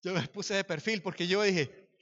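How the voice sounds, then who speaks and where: A man preaching a sermon as pastor, telling a personal story and swinging from hushed to loud. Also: sits high, normal speed, dull audio, slight background noise.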